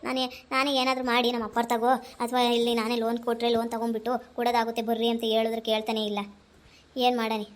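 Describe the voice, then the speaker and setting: A woman's voice: on the high side, monotone, quick pace, natural voice. An actress playing a worried young wife, pleading and insistent as she urges her husband to eat. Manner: pleading, insistent, repeating herself. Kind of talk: amateur family drama skit.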